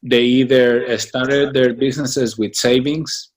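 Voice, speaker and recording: In this interview, the founder of a business association, a man from Mexico, gives his answers in a medium-pitched, fairly even voice. He comes across as thoughtful and hesitant, with frequent fillers and restarts.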